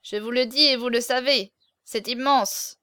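A woman's voice: a little high, fairly even intonation, a little slow, pushed and bright, no room sound, studio quality. A woman reading the part of a small hunchbacked man, hesitant and stammering, with a hidden intensity, in an audiobook. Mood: fervent. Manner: hesitant, stammering, turning fervent.

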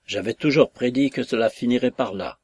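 A man's voice: medium pitch, sing-song, measured pace, vocal fry, slightly rough, no room sound, exaggerated voice. A man voicing a pushy, blustering reactionary nobleman who badgers and exclaims, in a read-aloud novel. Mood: gloating.

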